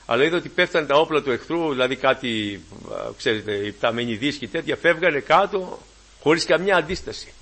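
A man's voice: animated, husky. Fervent preacher man. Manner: fervent preaching, swings between loud exclamations and low asides. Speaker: pastor. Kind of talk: sermon.

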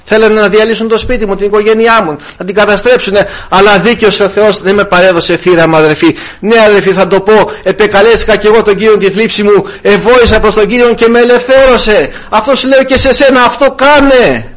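Man, preacher, high voice, evangelical sermon, rises and falls for emphasis. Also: fairly even intonation, few pauses. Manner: repeatedly addresses "brothers", rises and drops in pitch for emphasis.

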